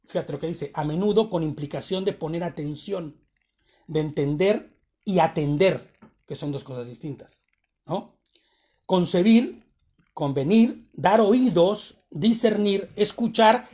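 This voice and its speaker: A man's voice: sits high, animated, unhurried, mellow. A man giving a conversational sermon on a Torah portion to his congregation, often checking in with short tag questions. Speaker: congregation teacher.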